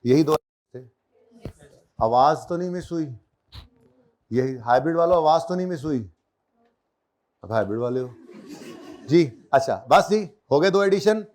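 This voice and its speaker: A man's voice: a little high, lively intonation, measured pace, pauses often, darkish tone. A man teaching an accounting class in a conversational way, quizzing his students and teasing them lightly, with a Pakistani Urdu accent. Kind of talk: classroom lecture. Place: classroom with a board.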